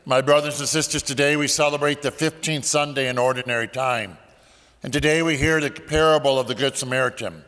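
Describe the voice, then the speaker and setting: A man leads the prayers of Mass at a pulpit microphone in a large church, reciting each line in a measured, solemn way. His voice sits in an ordinary middle pitch for a man. Every phrase rings out into the long echo of the church. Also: a bit bright. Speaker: priest. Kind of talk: leading liturgical prayers at Mass.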